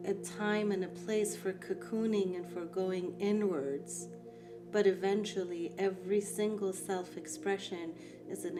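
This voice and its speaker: With clear music running underneath throughout, a woman whose native language is Farsi leads a guided art therapy lesson. She sounds calm and reflective, her middle-pitched voice carrying gentle emphasis.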